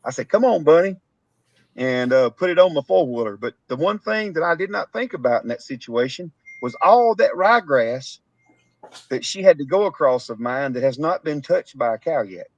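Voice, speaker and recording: Here a cattle farmer with a Texan accent runs a relaxed live-stream chat in a mid-range, lively voice at normal speed, without echo. He's a laughing, rambling storyteller using rural Southern grammar. Sound quality is dull, dry lo-fi stream audio.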